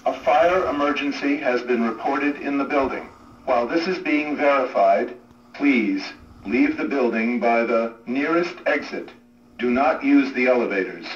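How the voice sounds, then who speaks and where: Brief: male PA alarm announcer, calm and even, heard through a distant, muffled loudspeaker with faint hiss. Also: medium pitch. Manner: calm, measured, even delivery. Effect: public address loudspeaker announcement. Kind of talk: automated emergency announcement. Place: hotel corridor. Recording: echoey, muffled loudspeaker from far off.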